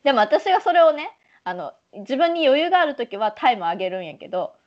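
A woman with a Kansai accent co-hosting a casual podcast chat, animated and quick to laugh. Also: high voice. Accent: Kansai Japanese. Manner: animated, chatty, laughs often. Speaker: podcast co-host. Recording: lo-fi dull sound.

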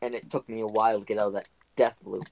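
A man's voice: lowish voice, flat delivery, fast talker, vocal fry, darkish tone, slight background noise. A man chatting casually with friends while playing a game, teasing and laughing often. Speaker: gamer. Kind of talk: casual gaming voice chat.

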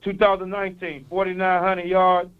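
A man's voice: high-pitched, monotone, moderate pace, clear, resonant tone, phone-quality sound. A man from East Saint Louis with a local accent, calling into a sports show and earnestly reeling off stats. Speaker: caller. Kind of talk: call-in sports talk.

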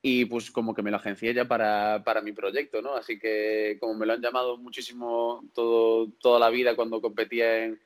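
A man's voice: mid-range voice, little pitch movement, a little fast, few pauses. Hesitant young man. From Galicia, Spain. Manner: hesitant, repeats words, laughs often. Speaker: singer and guest. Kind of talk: podcast interview.

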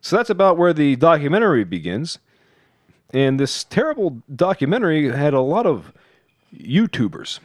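A man's voice: a little high, very animated, normal speed, dry recording, clean studio sound. A man co-hosting a podcast, telling a story in casual chat with many restarts. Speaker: podcast co-host.

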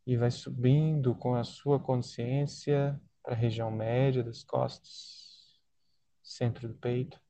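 This guided meditation leader, a man with a Brazilian accent, walks listeners through a body-scan relaxation in a calm, unhurried manner. Short phrases are separated by long pauses, delivered in a dark, mid-range voice with fairly even intonation.

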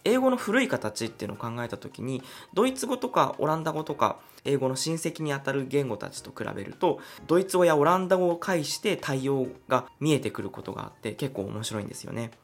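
Lively, breathy man explaining on a podcast. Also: medium pitch, a little fast, hardly any pauses, faint music behind. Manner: chatty, explains step by step. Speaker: podcast host.

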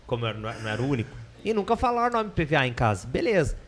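Fast-talking Brazilian man, São Paulo interior accent. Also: on the high side, big pitch swings. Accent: Brazilian Portuguese, São Paulo interior. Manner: colloquial, slangy, digressive storytelling. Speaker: podcast guest. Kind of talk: casual anecdote telling.

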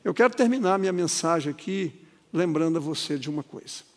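A man's voice: a little high, animated, a little fast. A man, preaching a sermon and telling a story in a dramatic, swooping way, heard in a long reverberant hall. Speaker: pastor.

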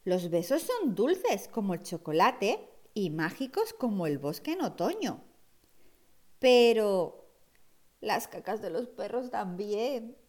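A woman voicing a cheerful, curious little girl in an expressive, wondering storybook read-aloud. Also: medium pitch, takes it slowly. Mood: playful, opinionated.

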